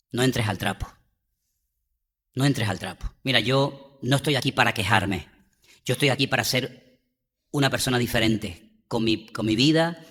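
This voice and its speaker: Animated pastor preaching. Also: male voice, medium pitch, breathy edge. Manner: conversational and animated, with rhetorical questions to the congregation. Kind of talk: sermon.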